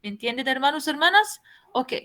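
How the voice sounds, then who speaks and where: A woman's voice: high-pitched, expressive, brisk, pushed and bright. A woman teaching a language class, explaining patiently, repeating each point and asking her students questions. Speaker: Arabic teacher.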